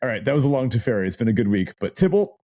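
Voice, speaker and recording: A warm, mellow-toned man chats eagerly as a podcast co-host. His voice is still slightly hoarse and not fully recovered, and he laughs easily between points. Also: fairly low pitch, rapid-fire. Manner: enthusiastic, chatty, laughs often. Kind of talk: casual podcast chat.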